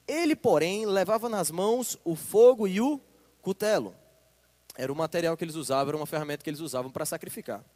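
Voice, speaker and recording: Brazilian male preacher, high and lively, sermon style, reverberant hall sound. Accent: Brazilian Portuguese. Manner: reads scripture slowly with emphasis, asks the congregation "Amém?". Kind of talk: sermon with scripture reading.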